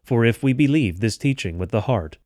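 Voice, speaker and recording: A man reading scripture and catechism aloud in a measured, even way, as a daily devotional. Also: medium pitch, no room sound, studio quality. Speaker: devotional reader.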